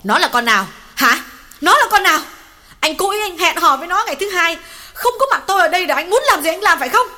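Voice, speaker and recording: A woman voicing a young secretary and mistress who lashes out in shrill, scolding outbursts and tearful complaints. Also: animated, fast, bright, forceful tone, exaggerated voice. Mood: furious. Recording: reverberant reading with guitar music behind.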